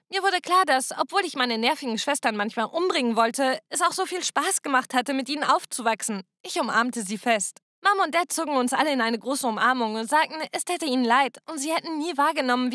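A woman telling a first-person family drama as scripted narration. Her voice is high and bright, with an emotional, dramatic delivery, recorded close and completely dry. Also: dry recording.

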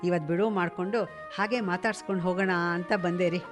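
A woman's voice: lowish voice, steady tone, fast talker, close to an everyday voice. A woman voicing a chatty middle-aged neighbour and new grandmother in a radio drama. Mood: gossipy. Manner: gossipy, gushing, exclaiming. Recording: radio drama with faint music.

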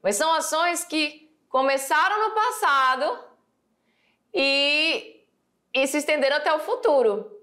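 A woman with a Brazilian accent teaching an English grammar lesson. She explains patiently, repeats key phrases and slows down to read out the English examples. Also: high-pitched, lively intonation, bright, forceful tone. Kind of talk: recorded class lesson.

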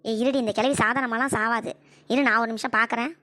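A woman's voice: fairly high pitch, steady tone, fast, sharp tone, no echo, studio quality. A woman voicing a greedy, bossy cartoon daughter-in-law. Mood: scheming. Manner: brash, scheming, bossy. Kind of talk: cartoon voice acting.

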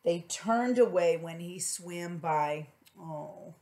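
A middle-aged preschool teacher reads a children's storybook aloud in a lowish, slow voice, pausing to ask her young listeners gentle questions.

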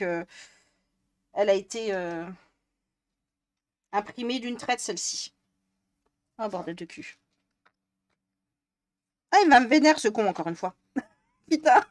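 A young streamer from northern France talks to her chat while coloring, swearing a lot and clearly exasperated. Her voice is a little high, and the studio sound is clean with no room sound.

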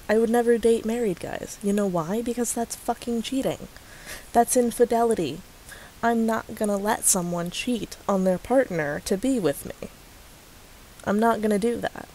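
A woman's voice: a little high, moderate pace, darkish tone, slight background noise, poor audio. A woman vlogging to a commenter, sarcastic and profane, often breaking into laughs. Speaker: YouTuber responding to a commenter. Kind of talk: casual ranting vlog.

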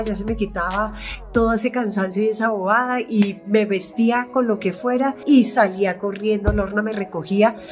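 Chatty Colombian woman telling stories. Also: medium pitch. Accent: Colombian (Bogotá). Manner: rambling, chatty, acts out her own past voice. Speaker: actress and YouTube host. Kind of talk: casual storytelling vlog.

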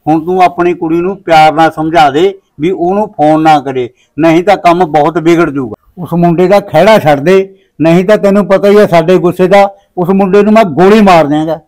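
A man plays a middle-aged Punjabi village father with a fairly high voice. He is blunt, proud and domineering in a family drama, speaking with a Punjabi accent. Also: brisk, hardly any pauses, darkish tone, lightly acted, poor audio. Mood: grave, stern. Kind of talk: short-film family drama acting.

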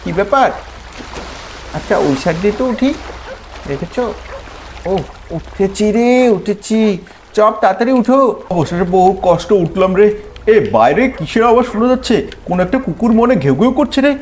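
A man's voice: high voice, expressive, normal speed, a little hiss or hum. A man voicing a boastful talking pet dog. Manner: boastful, protective of his turf.

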